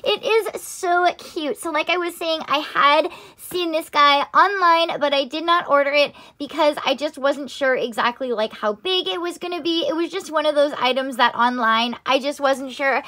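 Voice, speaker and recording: A young woman chatting casually as a vlogger, gushing with the excitement of an anime fan. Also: high-pitched, moderate pace, few pauses. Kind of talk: casual shopping haul chat.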